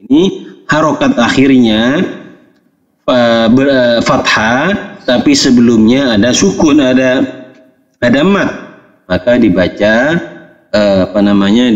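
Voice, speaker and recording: Slow-talking male Quran teacher, lo-fi. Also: mid-range voice. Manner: explains patiently, repeats examples, checks understanding. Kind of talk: casual spoken lesson with recited examples. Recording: dull lo-fi sound.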